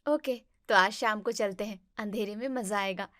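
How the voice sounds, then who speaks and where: A woman's voice: mid-range voice, fairly bright tone, dry recording, studio quality, natural voice. A woman playing a young newlywed wife, a vlogger who sulks and teases her husband. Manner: pouting, quick to take offense. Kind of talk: family drama acting.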